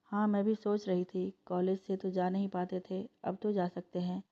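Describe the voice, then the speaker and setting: A woman voicing a lively young woman who chats and protests with her boyfriend. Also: mid-range voice, close to an everyday voice. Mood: chatty. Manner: chatty, quick to protest. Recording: dull lo-fi recording.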